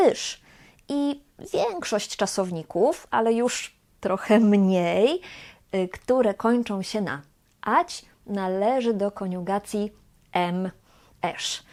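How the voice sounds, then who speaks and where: A woman teaches a language lesson at a very slow, measured pace. She says each form deliberately and leaves room after every word so learners can follow. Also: medium pitch, darkish tone. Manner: slow, deliberate, spells out verb forms for learners. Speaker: Polish teacher.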